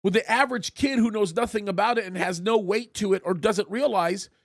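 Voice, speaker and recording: A pastor hosting a live talk show argues his points emphatically in a high-pitched voice, often repeating words as he starts a thought. He speaks fairly quickly, and the recording is clean studio sound with no echo.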